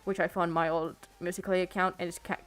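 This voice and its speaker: A late-teen girl streams from home on a desk microphone, rambling casually and hesitantly, often trailing off and restarting her sentences. Her voice is lowish, flat, and fast.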